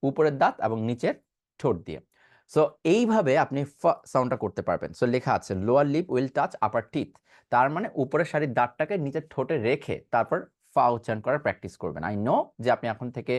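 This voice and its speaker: A man giving an online pronunciation class, asking questions and answering them himself, and demonstrating sounds. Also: mid-range voice. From Bangladesh. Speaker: pronunciation teacher.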